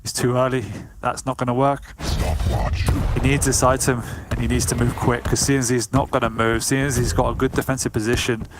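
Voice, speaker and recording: A man's voice: medium pitch, flat delivery, fairly quick. A man working as an esports caster, giving match commentary on a video game. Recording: noisy game sound behind. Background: video game sound effects.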